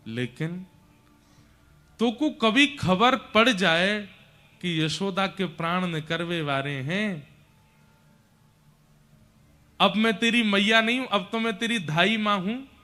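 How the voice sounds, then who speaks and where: A man's voice: high-pitched, lively intonation, slow, long pauses, bright, forceful tone, heavily acted. A man voicing the heartbroken village mother Yashoda, speaking tearfully in a Braj accent. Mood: tearful, pleading. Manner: tearful, rustic dialect.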